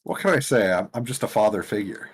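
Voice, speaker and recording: A man's voice: on the low side, fast talker, husky. A man chatting casually as a player in a tabletop game. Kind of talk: casual chat.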